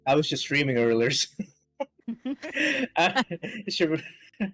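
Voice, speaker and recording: A man on a podcast, a streamer introducing himself, playful and quick to protest. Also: a little high, animated, fairly bright tone. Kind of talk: casual chat among streamers.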